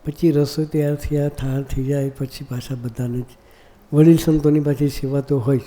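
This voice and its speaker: A man delivers a devotional sermon in a deep, mellow voice. His pitch stays steady and level, and he keeps turning to the audience with rhetorical questions. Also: normal speed, slight background noise. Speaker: monk preacher. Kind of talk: devotional discourse.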